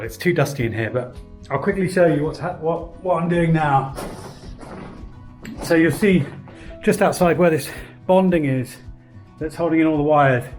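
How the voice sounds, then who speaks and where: A man casually explaining his house renovation, thinking aloud with a rambling, unhurried manner. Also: on the high side, a little mellow. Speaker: home renovation vlogger. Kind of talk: casual vlog commentary. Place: indoor house under renovation.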